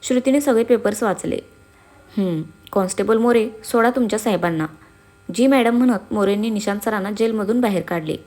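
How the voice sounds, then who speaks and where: A woman's voice: mid-range voice, fairly quick, a little mellow. A woman narrating a serialized story aloud and voicing all the characters' dialogue herself. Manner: voices every character herself, mostly in her own tone.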